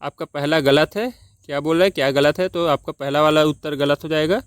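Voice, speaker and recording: A man from Chhattisgarh teaching exam-prep grammar, who puts key points to his students as questions, answers them himself, and spells out sounds slowly one at a time. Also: fairly high pitch, clean tone, no echo, clean studio sound. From Chhattisgarh, India. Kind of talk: explaining quiz answers.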